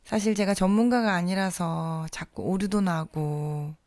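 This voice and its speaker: Soft-spoken woman podcast host. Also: on the low side, fairly even intonation, a little slow, dry recording. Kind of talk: scripted podcast monologue.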